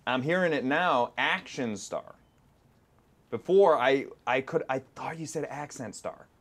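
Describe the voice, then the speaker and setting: A man's voice: medium pitch, lively intonation, measured pace. A man playing a clueless talent agent who stammers and rambles, repeating himself as he talks. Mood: rambling.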